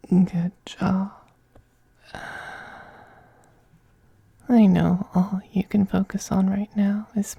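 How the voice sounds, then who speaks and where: A performer takes on the role of a possessive, seductive male femboy vampire for intimate ASMR, coaxing with a teasing, gently domineering soft whisper. The mood is adoring and possessive, the breathy medium-pitched delivery heavily acted and recorded dry.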